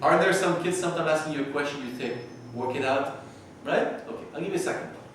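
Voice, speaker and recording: A man leading an adult workshop, pressing the group with quick, repeated questions. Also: fairly high pitch, fairly bright tone. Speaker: workshop leader. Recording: echoey room, distant mic, noisy.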